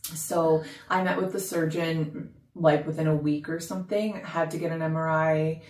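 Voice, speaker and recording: A woman's voice: low-pitched, moderate pace. Woman in her thirties, distant roomy sound. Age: 30s. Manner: candid, animated, acts out quoted dialogue. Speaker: podcast co-host. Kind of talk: casual storytelling chat.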